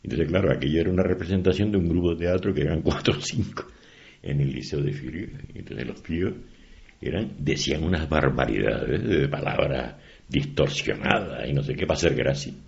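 An older man talks in a very deep, gravelly voice. He is an animated storyteller who acts out the people he quotes, and the recording sounds dull and lo-fi. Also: a little fast. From Canary Islands. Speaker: interviewee. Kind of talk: conversational interview.

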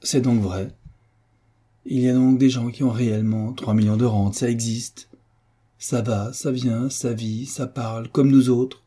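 A man's voice: fairly low pitch, a little slow, few pauses, warm tone, breathy edge. A man voicing a cheerful young man with a wry, amused way of talking.

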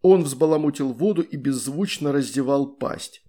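A man reading a story aloud, narrating in a lively way between voiced figures. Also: medium pitch, moderate pace. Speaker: reader.

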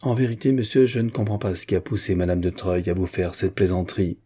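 A stiff aristocratic marquis, read by a male narrator, protests in pinched, formal tones. The voice sits low, husky and dark. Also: fast. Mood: indignant.

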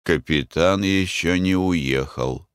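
A man playing a cool, worldly army captain, low and quiet. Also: clean tone, no echo, studio quality. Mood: calm. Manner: quiet, calm, measured.

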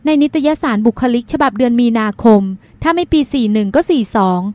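A woman voicing a sharp young radio host. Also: on the high side, expressive, no echo, natural voice. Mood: polite. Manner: polite, pointed, quick-witted.

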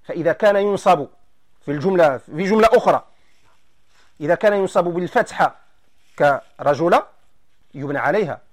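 A man with a Moroccan Arabic accent teaching a grammar lesson, explaining slowly and quizzing his students. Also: fairly high pitch, expressive.

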